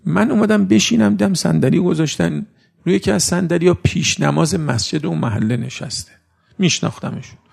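A man giving a conversational sermon who recites Arabic sayings slowly and then explains them in everyday speech. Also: on the high side, animated, vocal fry, darkish tone, breathy edge. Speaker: cleric giving a religious talk.

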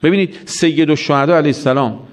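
Guy giving a sermon, tells stories, lots of questions to the crowd. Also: on the high side. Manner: storytelling with acted quotes and rhetorical questions. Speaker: preacher. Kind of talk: religious sermon.

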